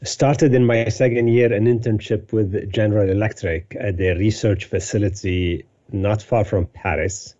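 Low, mellow-voiced man in his fifties. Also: fairly even intonation, moderate pace, few pauses, lo-fi sound. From Lebanon. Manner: detailed storytelling with frequent fillers. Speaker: guest, company CEO. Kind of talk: conversational interview answers.

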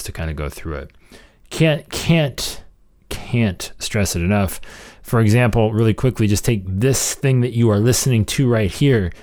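A man's voice: lowish voice, a little mellow. A man hosting a podcast with casual conversational commentary, rambling and interrupting himself as he emphasizes his points. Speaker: podcast host.

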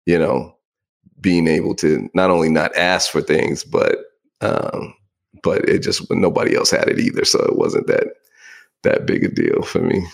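Man, forties, very low voice, gravelly, laid-back rambling podcast co-host. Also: moderate pace. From San Francisco Bay Area. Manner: relaxed, rambling, many fillers. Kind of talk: casual chat.

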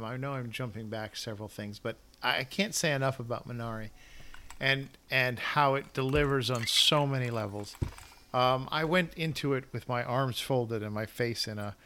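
A man's voice: medium pitch, pushed and bright. A man co-hosting a casual movie-awards podcast, rambling and losing his thread, then correcting himself. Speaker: podcast co-host. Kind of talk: casual film-awards chat.

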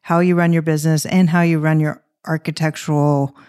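A woman's voice: sits low, little pitch movement, fairly quick, a little mellow, clear, resonant tone. A woman hosting an interview, asking long and considered questions with curiosity. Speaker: interview host. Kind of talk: casual interview talk.

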